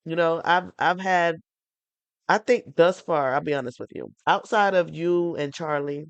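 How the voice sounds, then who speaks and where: A congested podcast host from North Carolina chats casually in a porch-style conversation, rambling enthusiastically and often restarting her sentences. Her voice sits low, smooth and unhurried, with no room sound.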